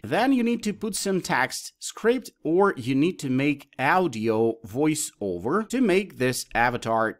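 A man presenting a software tutorial, explaining each option step by step as he clicks through it. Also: mid-range voice. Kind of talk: screen-recorded tutorial walkthrough.

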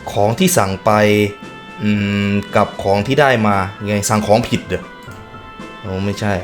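A man hosting a meme reaction video in a chatty, musing way, chuckling as he goes. He talks at an unhurried pace, with soft music in the background. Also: fairly low pitch. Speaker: host. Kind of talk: casual meme reaction commentary.

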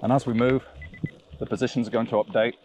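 A man's voice: medium pitch, fairly even intonation, fast, a little mellow, low-quality recording. A man giving a live spoken tech demonstration outdoors on an action camera. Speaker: product demonstrator. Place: outdoors on a woodland bike trail. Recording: outdoor noise, clicks.

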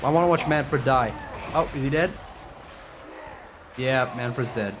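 Young male streamer, twenties, profane and excitable, casual stream commentary. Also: medium pitch, unhurried, noisy background. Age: 20s.

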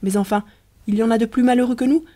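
A reader voicing Riquette, a playful young woman in love, in an audiobook, with a light, eager, mellow voice. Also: medium pitch, fairly even intonation, fast, pitched above the performer's own voice, natural voice. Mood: consolante.

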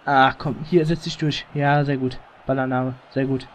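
A man casually commentating his own football video game as he plays, excitable and quick to swear and groan at mistakes, through a slightly overdriven mic. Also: mid-range voice, slight background noise. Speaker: let's play gamer. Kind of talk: casual live gameplay commentary. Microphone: headset or desk mic, slightly overdriven.

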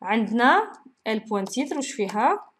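A woman's voice: a little high, sing-song, a little fast, a bit bright. A woman lecturer with an Algerian Arabic accent, walking through a programming procedure, mixing in French terms and asking and answering her own questions.

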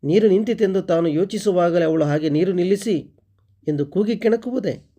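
A man reading a short story aloud as narrator and teacher, steady and expressive. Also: sits high, normal speed.

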